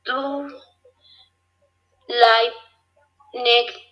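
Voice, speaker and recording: A woman student answering in class, hesitant and slowly sounding out the English words. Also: a little high, level tone, dull audio.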